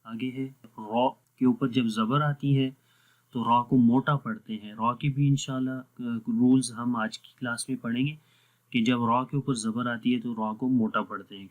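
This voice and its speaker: A man teaching a Quran recitation lesson online, explaining step by step, asking the class questions and answering them himself. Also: mid-range voice. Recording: tinny phone-like audio.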